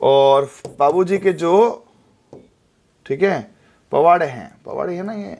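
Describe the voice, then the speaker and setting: A man's voice: on the high side, takes it slowly, a little mellow. A young man, teaching an exam-prep class in a chatty way and often checking with his students. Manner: chatty, repeats tag questions like "theek hai". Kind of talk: live exam-prep lesson.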